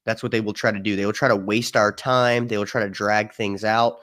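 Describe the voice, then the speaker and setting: Animated male storyteller guest. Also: fairly low pitch, brisk. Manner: animated storyteller, acts out quotes. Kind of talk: casual chat.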